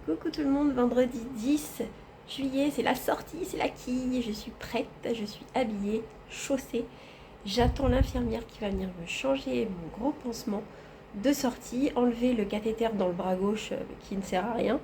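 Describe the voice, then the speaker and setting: Woman filming herself on her phone in a hospital room, kinda high voice, faint hiss behind. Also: moderate pace, mellow. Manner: chatty, addresses viewers directly. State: tired after anesthesia. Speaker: vlogger. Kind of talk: casual hospital vlog. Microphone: phone held in hand.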